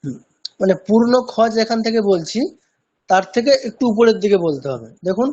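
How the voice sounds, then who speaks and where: A man's voice: sits high, expressive, brisk, mellow, dull audio. A man teaching a pronunciation lesson in an online class, patiently repeating sounds to demonstrate them. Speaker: chanting teacher.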